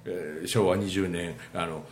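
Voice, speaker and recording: A man's voice: low voice, unhurried, roomy sound, faint music behind. A man with a Kansai accent, talking casually about how he would tell a story, with many fillers. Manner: animated, lots of fillers and acted-out quotes. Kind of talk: casual chat.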